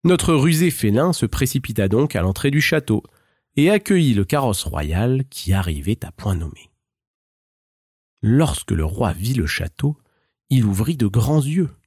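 A man narrating a fairy tale in a measured, expressive storybook style. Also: mid-range voice, breathy edge, no room sound, studio quality.

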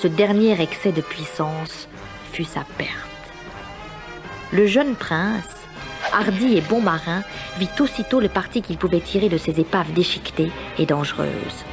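A woman's voice: lowish voice, a little slow. A woman narrating a children's story in a scripted, dramatic style. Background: music.

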